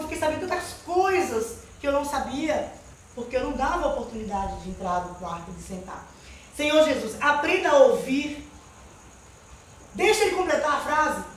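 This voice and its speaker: High-voiced woman testifying in church. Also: fairly bright tone, slight background noise. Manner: earnest, often calls out to the Lord and the brethren. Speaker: missionary giving a church testimony. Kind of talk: spoken testimony to a congregation. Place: church hall. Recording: very echoey church hall, mic far off.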